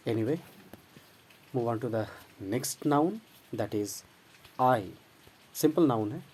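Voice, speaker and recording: A man's voice: medium pitch, dark tone, slightly rough. A man teaching grammar, explaining patiently and spelling out words letter by letter, with pronunciation. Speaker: English teacher. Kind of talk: Hindi-language grammar lesson with English terms.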